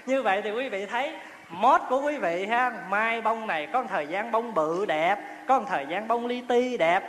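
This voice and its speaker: A man's voice: sits high, moderate pace, fairly bright tone, a little hiss or hum. A male Buddhist monk, giving a chatty, humorous dharma talk and often asking his listeners questions. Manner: chatty storytelling, laughs often, asks the audience questions. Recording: roomy hall with long reverb, faint ambience.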